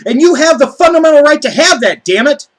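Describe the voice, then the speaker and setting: High-pitched angry American man ranting. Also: lively intonation, fairly quick, a bit bright, rough recording. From United States. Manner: heated, profane, repeatedly stressing words. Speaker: video blogger. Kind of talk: angry political rant.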